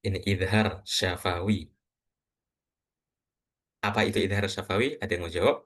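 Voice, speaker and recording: A man teaching Quran reading to a class, quizzing students and slowly reciting example words. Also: deep voice, little pitch movement, fairly bright tone. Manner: patient, asks students questions, models recitation slowly.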